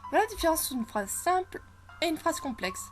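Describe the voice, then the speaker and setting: A woman's voice: high-pitched, big pitch swings, a little fast, pitched above the performer's own voice. A woman voicing a stern, cruel schoolteacher who talks down to her class, with game music behind. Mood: lecturing. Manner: harsh, contemptuous.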